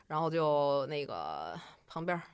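A woman with a Beijing accent telling a personal story in a chatty, colloquial and animated way. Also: deep voice, unhurried, clean tone.

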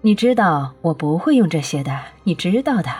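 A woman reading as a calm, quiet older mentor. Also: fairly low pitch, moderate pace, husky, faint music behind, exaggerated voice. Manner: quiet, gently chuckling. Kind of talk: audiobook reading.

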